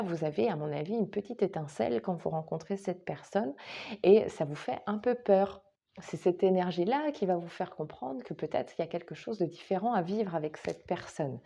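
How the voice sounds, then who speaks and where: Warm-voiced woman doing a tarot reading. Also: mid-range voice, slightly rough. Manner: chatty, addresses viewers directly, frequent hesitations. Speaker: tarot reader. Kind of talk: casual monthly tarot reading to camera.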